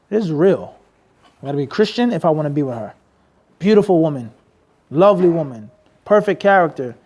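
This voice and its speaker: An Islamic teacher in a mosque preaches emphatically, firing rhetorical questions at the crowd during a lecture with Q&A. His high-pitched voice has a slightly mellow quality.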